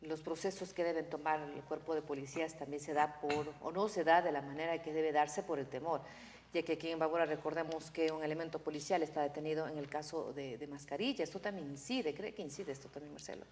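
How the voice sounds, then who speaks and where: A woman interviewing a politician on television, asking measured questions. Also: low-pitched, fairly even intonation, darkish tone. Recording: long reverb, faint background noise.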